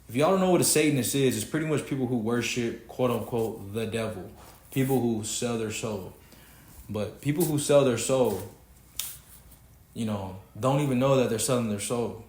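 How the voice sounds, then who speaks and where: This is a casual podcast rant from a preachy young man from Houston, Texas, his mid-range voice a little mellow. He speaks emphatically, swears freely, and the room around him echoes.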